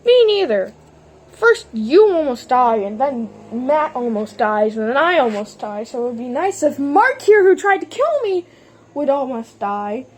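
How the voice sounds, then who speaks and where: A woman's voice: high-pitched, big pitch swings, a little slow. A woman voicing all the characters in a playful homemade toy-train drama, jumping between silly character voices. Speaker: fan series voice actor.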